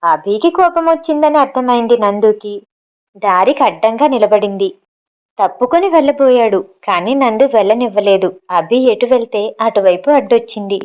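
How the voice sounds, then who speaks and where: A woman's voice: a little high, animated, normal speed, lo-fi sound. A woman reading a novel aloud as a storyteller, voicing both lovers' lines in her own lightly varied voice. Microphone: home microphone.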